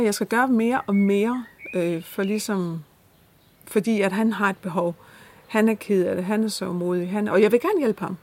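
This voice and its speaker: A woman's voice: mid-range voice, a little mellow. A woman recounting personal experiences in a hesitant way, with many restarts. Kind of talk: personal storytelling.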